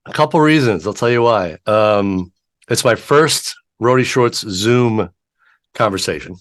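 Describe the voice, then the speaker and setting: A man's voice: fairly low pitch, lively intonation, a little slow. A man hosting a casual interview show over a video call from his home studio. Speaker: podcast host.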